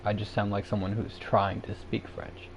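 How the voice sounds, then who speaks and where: On a livestream, a man with a Canadian English accent rambles through answers to chat, full of fillers and restarts. His low voice is completely flat with vocal fry at a moderate pace, and a little hiss or hum sits underneath.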